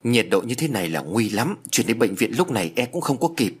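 A man's voice: mid-range voice, big pitch swings, fairly quick, slightly rough. A man voicing a worried young woman doctor. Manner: anxious, pleading.

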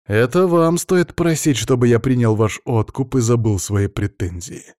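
A man's voice: medium pitch, a little slow, a little mellow, no echo, clean studio sound, natural voice. A man voicing a young aristocratic heir who speaks coolly, with control and firm demands. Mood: cold. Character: young male aristocrat heir, cold and self-assured.

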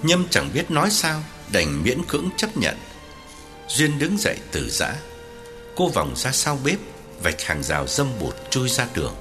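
A man narrating an audiobook in scripted narration with an expressive delivery. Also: mid-range voice, a little slow, over music.

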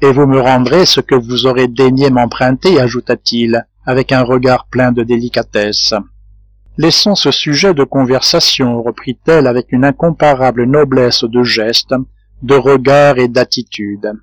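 A man narrating a classic novel as an audiobook, in a measured, even literary reading. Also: medium pitch, dry recording. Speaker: audiobook reader. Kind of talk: scripted narration.

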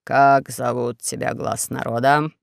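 A reader voicing a pompous, scheming underground dictator who makes slow, self-important proclamations in an audiobook. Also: medium pitch, fairly even intonation, gravelly, dry recording, studio quality, pitched below the performer's own voice. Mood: mocking. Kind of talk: audiobook character voice.

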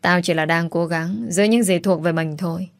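Sneering cruel stepmother, read by a woman, low-ish voice, dry close sound. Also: steady tone, normal speed, dry recording, lightly acted. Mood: spiteful. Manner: sneering, contemptuous. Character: scheming cruel middle-aged stepmother, spiteful.

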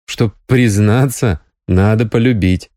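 A man voicing a calm, dry-humoured man who gently teases the woman he loves. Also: fairly low pitch, slow pace, dry recording. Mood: wry, tender. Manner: wry, calm, understated.

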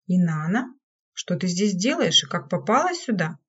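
A woman's voice: on the low side, very animated, moderate pace, fairly bright tone, slightly rough, exaggerated voice. A woman reading an audiobook, voicing a headstrong young heroine who speaks in a startled, then soothing way. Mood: surprised. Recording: dull lo-fi recording.

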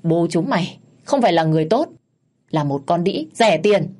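A woman's voice: fairly low pitch, animated, moderate pace, mellow. A woman voicing a spiteful old mother-in-law who screeches, scolds and wails in a storytelling recording. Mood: scolding. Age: older.

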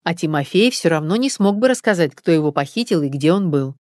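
A woman reading a calm male detective who lays out his reasoning in a measured way. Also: low-pitched, dry recording, clean studio sound. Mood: explaining. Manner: measured, explaining.

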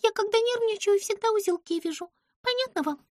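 A woman voicing an excitable, bossy little female animal in an audiobook, with a squeaky, shrill, dramatic voice. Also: a little fast, no echo, clean studio sound. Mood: demanding. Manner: breathless, demanding, dramatic. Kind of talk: audiobook character voice.

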